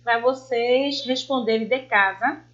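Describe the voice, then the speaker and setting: A woman teacher giving an online lesson to children, affectionate, stretching out example words slowly. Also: a little high, a bit bright. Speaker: primary school teacher. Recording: dull lo-fi home recording.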